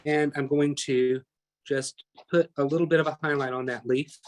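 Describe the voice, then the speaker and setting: A man's voice: on the high side, fairly even intonation, normal speed. A man teaching a live online painting class, chatty and talking through each step as he works, often correcting himself mid-sentence. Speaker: painting instructor.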